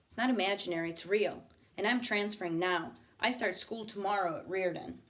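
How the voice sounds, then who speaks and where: A woman's voice: medium pitch, a little fast, a bit bright, slight background noise, close to an everyday voice. Woman reading as an earnest, pleading teen boy. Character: earnest, anxious teenage boy narrator. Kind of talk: read-aloud dialogue.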